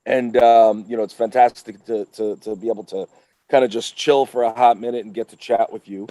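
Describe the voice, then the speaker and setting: A man's voice: mid-range voice, fairly even intonation, fairly quick, warm tone, no echo. A man talking as a guest on a podcast, upbeat and emphatic, with motivational swings in his speech. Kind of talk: casual podcast chat.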